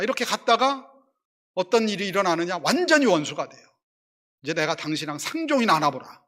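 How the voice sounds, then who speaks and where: A man's voice: high voice, fairly bright tone. A male pastor preaching a sermon in a conversational way, asking the congregation questions and acting out quarrelling voices in quotes. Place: church sanctuary.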